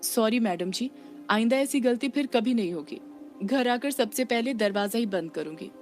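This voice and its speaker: A woman's voice: a little high, expressive, moderate pace, darkish tone, soft background music, voice pushed up, lightly acted. A woman voicing a polite, deferential housekeeper. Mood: apologetic. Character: housekeeper woman, dutiful and apologetic.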